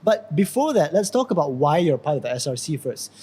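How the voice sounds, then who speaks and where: A young man hosting a student podcast in a relaxed, talkative way with a husky voice. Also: fairly high pitch, brisk. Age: young adult. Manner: relaxed, talkative, many fillers. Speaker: podcast host. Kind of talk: casual podcast chat.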